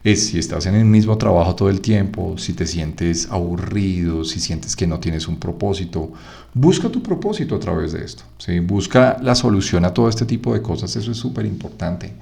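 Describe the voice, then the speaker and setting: Low gravelly Colombian man lecturing. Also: normal speed. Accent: Colombian Spanish. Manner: lively teaching, frequent "¿sí?" checks, acts out students' objections. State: one ear feels blocked. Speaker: acupuncture teacher. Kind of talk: online lecture.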